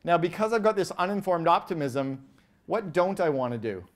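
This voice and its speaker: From a stage before a live audience, a Canadian man with a voice slightly high for a man speaks with the lively energy of a seasoned keynote speaker. He fires quick questions at the crowd, rattles through fast lists of examples and acts out quoted voices, all in an animated manner.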